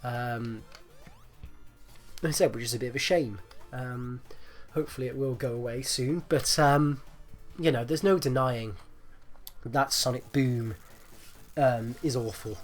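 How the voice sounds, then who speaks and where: A man's voice: mid-range voice, unhurried, soft background music. Phlegmy man with a chesty rattle. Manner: hesitant, rambling, repeats himself. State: phlegmy, getting over flu. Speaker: gaming video host. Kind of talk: casual gameplay commentary.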